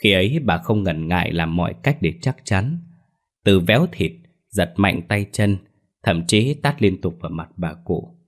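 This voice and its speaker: A man narrating a ghost story in a steady, dramatic storytelling manner. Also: sits low, moderate pace.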